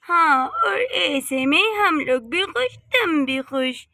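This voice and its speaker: A woman's voice: sits high, sing-song, slow pace, gravelly, sharp tone, dry recording, studio quality, heavily acted. A woman voicing a scheming young daughter-in-law in a cartoon story, sugary and sly. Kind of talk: cartoon voice acting.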